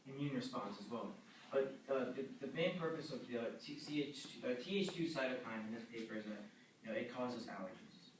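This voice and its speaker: A man presenting a journal article to a class, talking haltingly with many fillers and restarts. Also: mid-range voice. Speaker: student presenter. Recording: echoey room, distant mic, noisy.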